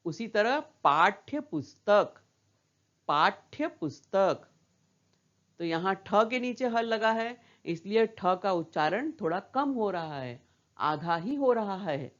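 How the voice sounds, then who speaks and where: A woman's voice: mid-range voice, lively intonation, measured pace, dull audio. A woman teaching a primary school lesson, patiently repeating words and asking questions back to the children. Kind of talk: slow classroom lesson for young children.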